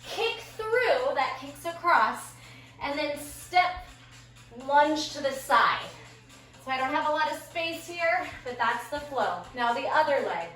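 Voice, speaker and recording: This woman instructor's voice is high and fairly bright, swinging widely in pitch as she speaks slowly. She's out of breath, firing off short, cheerful cues to a class in a small space. Expect echo, a distant mic and music underneath.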